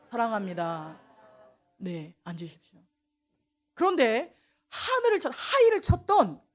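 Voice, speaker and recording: A woman missionary preaching a sermon in a church, swinging from loud exclamations to soft, hushed asides. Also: high-pitched. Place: church sanctuary.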